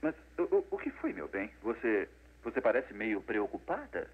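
Brief: charming baron, low, husky, animated delivery, thin lo-fi sound. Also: male voice, moderate pace, heavily acted. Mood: suave. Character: smooth charming baron, husband. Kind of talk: 1940s Brazilian Portuguese film dub. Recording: tinny old film dub.

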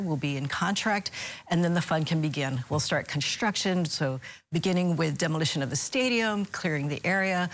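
A middle-aged woman, a state official, giving an upbeat, measured update in a TV studio interview. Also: sits low. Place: TV news studio.

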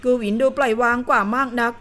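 Higher-voiced woman narrating a novel. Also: fairly even intonation, fast talker, a bit bright, faint music behind. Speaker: audiobook narrator.

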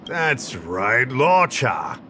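An actor playing a friendly, somewhat scatterbrained official in a video game, casual and easygoing. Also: male voice, medium pitch, very animated, extremely slow, pushed and bright, a little hiss or hum, heavily acted. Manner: casual and easygoing, a bit forgetful. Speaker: game character.

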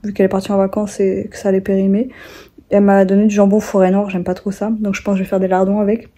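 A woman's voice: mid-range voice, completely flat delivery, rapid-fire, dark tone. A young woman, chatting casually to viewers in a rambling vlog, with many fillers and restarts. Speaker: vlogger.

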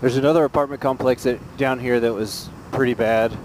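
A man's voice: mid-range voice, fairly even intonation, fairly quick, a little mellow. A man narrating a casual motovlog as he rides, speaking from inside his helmet. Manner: talking from inside a motorcycle helmet while riding. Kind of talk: casual vlog narration while riding. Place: on a motorcycle on a highway, outdoors. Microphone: mic inside a helmet. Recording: noisy helmet mic, clear road noise. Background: vehicle and road noise.

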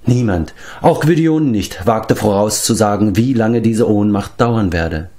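Man reading an audiobook in a measured way. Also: lowish voice, warm tone. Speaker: narrator.

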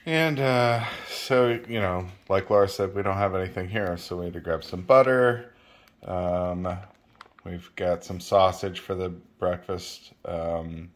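A man's voice: deep voice, a little slow. A man co-hosting a casual grocery haul in a home kitchen, easygoing and agreeable, with lots of "um"s and "uh"s. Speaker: channel co-host.

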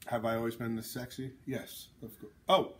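A man at an ordinary middle pitch talks shop in a loose, rambling podcast chat, blunt and joking as he goes. Faint noise sits under his voice. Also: level tone, normal speed. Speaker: author and host.

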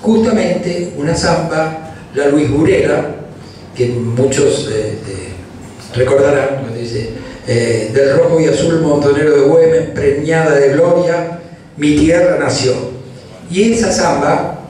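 An Argentine-accented man shares an unhurried anecdote during a university panel discussion, his voice on the high side yet darkish in tone. Picked up from afar by a camera despite his handheld mic, the audio is roomy with slight background noise.

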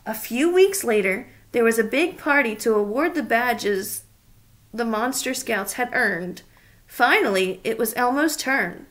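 This children's read-aloud reader, a woman in her thirties, delivers a story expressively and asks the young audience questions. Her slightly high, a bit bright voice is animated but unhurried, and she is recorded in a small indoor room.

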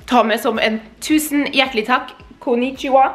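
Chatty young woman vlogging. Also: medium pitch. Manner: chatty, animated, mixes English words. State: hiccuping. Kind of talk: casual vlog chat.

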